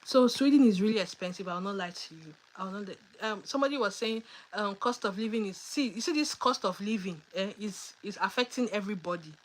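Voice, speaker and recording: A woman's voice: medium pitch, fairly quick, few pauses, poor audio. A woman hosting a casual livestream Q&A, reading out viewers' questions and answering in a chatty, emphatic way with teasing asides. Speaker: livestream host.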